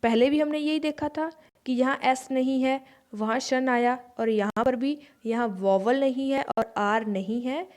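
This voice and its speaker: Woman teacher, slow patient explaining, slightly high voice, repeats words. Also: a little mellow. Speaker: English pronunciation teacher. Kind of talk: explaining to students.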